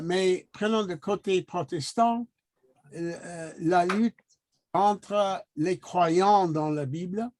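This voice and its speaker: A man speaks non-native French with a foreign accent. His voice sits a little high and he goes very slowly, haltingly searching for words as he makes unscripted remarks in a discussion. The sound is fairly dry and close. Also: darkish tone, no room sound. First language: not French. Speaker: guest commenter in a discussion.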